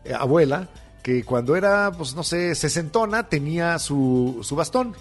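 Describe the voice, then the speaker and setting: A man's voice: a little high, expressive, measured pace, faint music behind. Wry Mexican man co-hosting. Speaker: co-host. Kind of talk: casual comedic chat.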